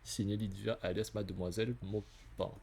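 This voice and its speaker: A man's voice: mid-range voice, animated, fairly quick, darkish tone, slight background noise, voice pushed up, lightly acted. A man reading a game letter aloud in a raised voice, as a nervous teenage girl who rambles and second-guesses herself. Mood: flustered.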